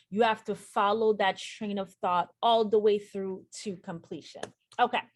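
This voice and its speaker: A woman's voice: mid-range voice, no echo. A woman teaching a nursing exam lesson over a screen share, speaking straight to her viewers and repeating the key points for emphasis. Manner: addresses viewers directly.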